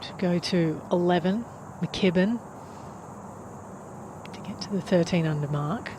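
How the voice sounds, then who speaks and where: A man's voice: sits high, measured pace. A man giving live golf commentary with dramatic phrasing. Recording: clear outdoor ambient noise. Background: outdoor ambience.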